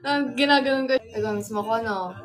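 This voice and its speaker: A woman's voice: on the high side, brisk, faint music behind. A young woman casually retelling a story on a livestream, acting out quotes and laughing often.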